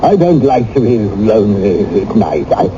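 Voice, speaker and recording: A man's voice: lowish voice, big pitch swings, normal speed, dull audio. An actor playing a lonely, imperious, aging English king in a radio drama, blustering and stammering with impatience. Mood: wistful, pleading. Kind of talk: old-time radio drama acting. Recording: noisy, band-limited old radio broadcast.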